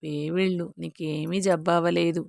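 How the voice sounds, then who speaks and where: A woman's voice: lowish voice, level tone, moderate pace, vocal fry, darkish tone, no echo. A woman voicing a fond scolding village mother. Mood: teasing. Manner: affectionately scolding.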